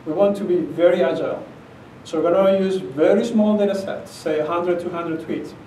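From a podium in a conference room with a projector screen, a middle-aged man with an Argentine Spanish accent gives an academic talk at a moderate pace, in a dark voice pitched slightly above most men's. He's emphatic and conversational, checking in with the audience often. The echoey sound is captured from a distance, with a little hiss or hum.

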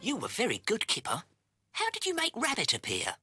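A man's voice: sits high, wildly swooping pitch, a little fast. A British man voicing a childlike, curious animal friend in a children's cartoon. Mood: puzzled, concerned. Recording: music behind the voice.

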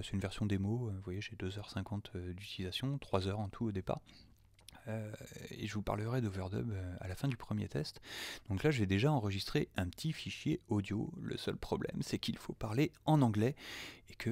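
A low-voiced man from France talks through a software test in a relaxed, chatty way. His voice has a gravelly edge, and he fills pauses with frequent hesitations. He slips into muttered asides half under his breath, and the sound is close and dry. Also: no room sound. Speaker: audio producer demoing software. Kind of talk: casual screen-recorded software test.

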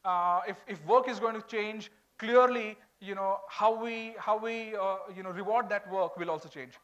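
A man's voice: high voice, normal speed, fairly bright tone, highs cut off. A man in his forties with an Indian accent, giving an informal, conversational talk on stage as a corporate speaker. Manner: informal, switching between English and Hindi. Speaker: corporate HR speaker at a college event. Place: large auditorium stage.

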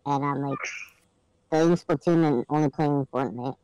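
A woman's voice: low voice, unhurried, dark tone, clear, resonant tone, no echo, muffled recording. A woman chatting casually while playing a video game, whining and complaining. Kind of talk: casual chat while gaming.

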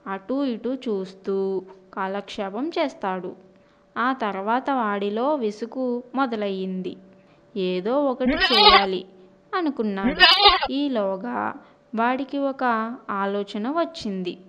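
A woman narrating a children's story in an expressive storytelling manner. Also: fairly high pitch, slow, lo-fi sound.

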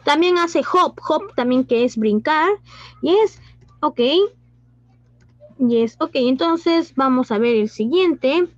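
High-voiced woman teacher. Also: lively intonation, takes it slowly, dry recording. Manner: mixes Spanish and English, asks questions and praises pupils. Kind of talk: online class teaching. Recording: dull lo-fi sound.

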